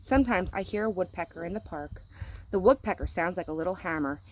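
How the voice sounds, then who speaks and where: A woman teacher reading a children's picture book aloud in a gentle, clear manner. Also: fairly low pitch, expressive, fast talker, a little hiss or hum. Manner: gentle, clear, playful animal sounds. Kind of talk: children's storybook read-aloud.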